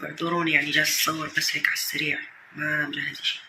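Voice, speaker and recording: A young man with a Levantine Arabic accent chats casually in a self-deprecating video diary, now and then switching into mock-formal Arabic. He's an amateur animator and vlogger, and his fairly high, flat voice comes out rapid-fire over a very noisy background.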